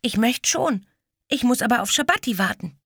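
A woman's voice: lively intonation, normal speed, a bit bright, husky, no room sound, clean studio sound, heavily acted. A woman doing a feisty, cheeky little girl. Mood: insistent. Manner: high, pert and indignant. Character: feisty little girl, proud and quick-tongued.

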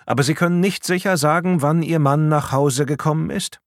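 A man's voice: on the high side, a little fast, no room sound, clean studio sound, pitched above the performer's own voice, lightly acted. Pointed policewoman pressing a suspect, voiced by a man. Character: female police officer, accusing.

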